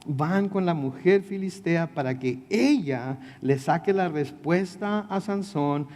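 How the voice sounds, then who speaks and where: A male pastor leads a midweek Bible study in a casual, conversational way, often turning to his listeners with questions and slipping in humorous asides. His voice sits a bit higher than most men's, and long reverb trails after his words. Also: a little mellow. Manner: conversational, asks the audience questions, joking asides. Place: church meeting room.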